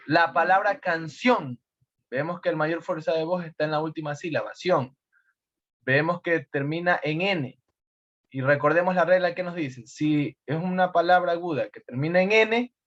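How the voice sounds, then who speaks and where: A man's voice: on the high side, lo-fi sound. A male teacher from Ecuador giving a recorded lesson, explaining step by step and repeating key points with emphasis.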